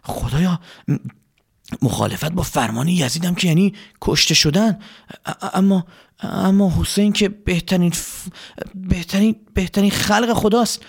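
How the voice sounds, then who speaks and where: A man's voice: sits high, creaky, slightly rough, voice pushed up, exaggerated voice. A man doing a torn, remorseful war commander. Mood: anguished. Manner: pleading, agitated, halting. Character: remorseful adult male army commander, torn and anxious.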